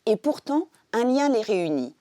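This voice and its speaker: A woman's voice: fairly high pitch, very animated, normal speed, warm tone, no echo, studio quality. A woman presenter introducing a news report in a read-aloud delivery.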